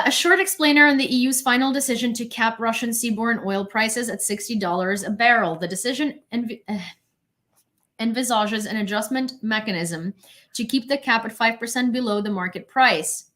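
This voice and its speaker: A woman's voice: a little high, fairly bright tone. A young woman from Ukraine, casually commenting on news from her bedroom, rambling with lots of fillers. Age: young adult. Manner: rambling, self-conscious, many fillers and restarts. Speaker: independent journalist. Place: small bedroom at home. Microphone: webcam on desk.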